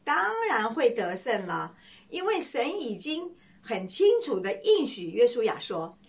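A woman preaching a sermon in a storytelling manner. Her voice sits fairly high and rises and falls animatedly. She slows down to repeat key lines for emphasis. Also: sing-song.

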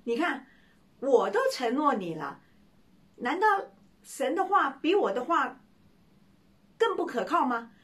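A woman putting on a patient, kindly pastor from a sermon story. He coaxes a troubled youth, voiced fairly high with lively rises and falls. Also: a little slow, long pauses, full character voice. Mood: coaxing. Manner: coaxing, repeats "come, come".

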